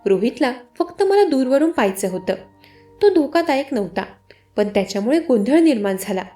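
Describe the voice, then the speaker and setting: Woman storyteller, first-person narration, high lively voice, mellow tone, soft music behind. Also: fairly quick. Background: faint music.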